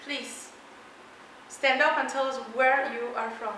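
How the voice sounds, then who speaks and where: Speaking slowly in a high voice, a middle-aged woman from Mexico delivers an energetic keynote to a roomful of students, stressing key words with bright force, laughing often and walking as she talks. She's recorded from a distance in a large lecture hall, so there's heavy echo plus a little hiss or hum.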